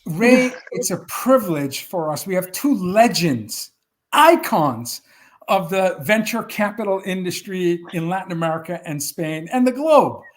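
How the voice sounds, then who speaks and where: A man's voice: sits high, lively intonation, unhurried. A man co-hosting a talk show over a video call, formally reading prepared introductions. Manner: formal, reads prepared praise. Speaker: co-host.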